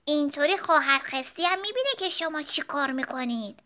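A woman's voice: high-pitched, lively intonation, sharp tone. A woman voicing a young boy bear cub who is a confident, teasing older brother.

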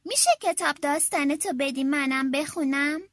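A woman's voice: high-pitched, background noise, lightly acted. A woman voicing a sweet, eager little girl. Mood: coaxing. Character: eager friendly young girl.

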